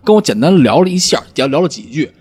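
A man with a Beijing accent tells a story in an easy chat, and his voice rises and falls a lot. He talks fast, with a slightly husky edge. He acts out the cries of the people in his story. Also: a little high. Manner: animated storyteller, acts out shouts. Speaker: podcast host, former lama.

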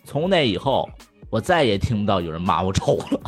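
A man in casual chat, telling crude jokes, swearing freely and laughing loudly at his own punchlines. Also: on the low side, big pitch swings, brisk, faint music behind.

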